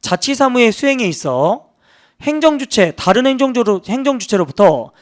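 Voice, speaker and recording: A man teaching law for exam prep, talking casually and acting out quoted officials in rough, joking banter. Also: very high-pitched, very animated, normal speed. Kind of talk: lively lecture with acted anecdotes.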